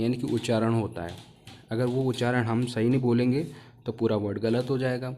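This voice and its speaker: A man's voice: mid-range voice, dark tone, a little hiss or hum. A man teaching English pronunciation, explaining step by step and modelling each letter sound one at a time. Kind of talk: spoken language lesson.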